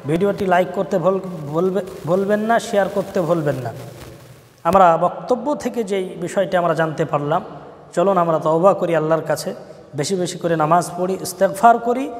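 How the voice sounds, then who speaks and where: High-voiced preacher in a reverberant hall. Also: male voice. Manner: rising and falling preaching cadence, drawn-out emphasis; recites Quranic verses in chanted Arabic. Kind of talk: sermon.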